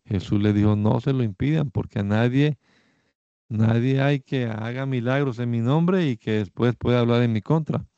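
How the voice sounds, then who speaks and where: A man reading Bible passages aloud in a measured, steady way, lifting his voice slightly for quoted speech. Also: medium pitch, no echo, lo-fi sound. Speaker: Bible reader.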